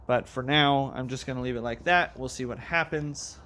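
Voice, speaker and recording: A man's voice: mid-range voice, normal speed, pushed and bright, a little hiss or hum. A man giving a casual, rambling walkthrough of his car audio build, out of breath and correcting himself as he goes. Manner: rambling, self-correcting, many fillers. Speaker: car audio hobbyist vlogger. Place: garage, in a car.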